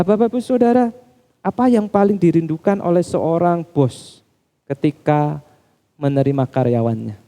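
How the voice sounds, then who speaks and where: A man preaching a sermon in a church, calling the congregation Bapak Ibu Saudara as his pitch climbs and drops. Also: mellow. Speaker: pastor.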